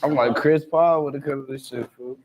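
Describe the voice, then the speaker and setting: A man's voice: medium pitch, fairly even intonation, brisk, lo-fi sound. A man joking crudely and teasing in casual street banter. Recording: crowd noise behind.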